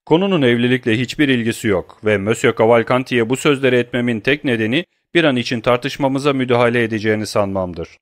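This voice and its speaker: A man's voice: medium pitch, fast, hardly any pauses, no room sound, close to an everyday voice. A man voicing a cold, menacing young nobleman. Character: young nobleman, cold, grimly furious, challenging. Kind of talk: audiobook character reading.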